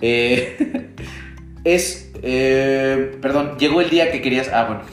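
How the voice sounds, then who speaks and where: A man with a Mexican accent hosting a casual interview, playful and quick to joke and laugh. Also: mid-range voice, soft background music. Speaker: podcast host. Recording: echoey room.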